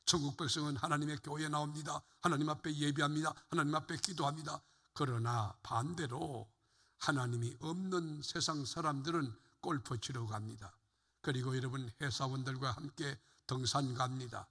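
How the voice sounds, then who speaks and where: A man's voice: on the high side, steady tone, moderate pace, fairly bright tone. An older man, a pastor, preaching a fervent sermon to his congregation in a church sanctuary. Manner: fervent preaching, rising and falling emphasis, addresses congregation. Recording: long hall reverb.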